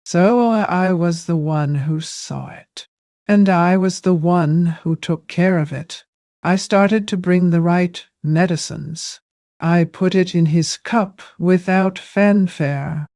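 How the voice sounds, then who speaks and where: An older woman narrating a first-person story in a slow, hushed, reflective way. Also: fairly low pitch, no room sound, studio quality.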